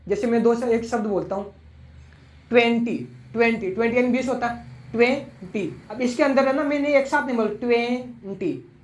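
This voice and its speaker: A man's voice: very high-pitched, roomy sound. A man teaching a poem line by line, repeating each phrase and spelling out words as he explains. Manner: repeats and spells out words, slow for English lines.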